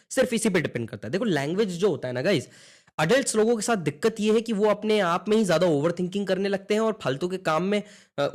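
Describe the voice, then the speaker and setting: A young man with a high voice teaches an online beginner language lesson. He encourages his students in a motivational way, calls them brother and guys, and mixes in English phrases.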